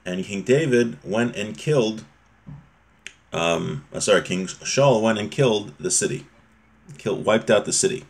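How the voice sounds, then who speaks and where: A man in his thirties or forties, with a lowish, gravelly voice, speaks in an animated but unhurried way. He's a religious teacher giving an informal lesson in a small room at home, reading passages aloud, explaining them, and often rephrasing his points.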